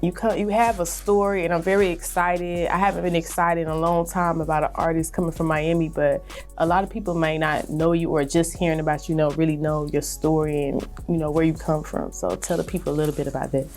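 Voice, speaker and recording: A woman hosting a casual hip hop interview, upbeat and animated, sometimes drawing her words out. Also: low-pitched, fairly quick, faint music behind. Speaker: interview host.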